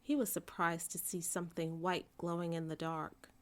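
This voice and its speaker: A woman's voice: fairly low pitch, moderate pace. Woman reading a children's storybook aloud. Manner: expressive storytelling, character voices for dialogue. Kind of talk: read-aloud bedtime story narration for children.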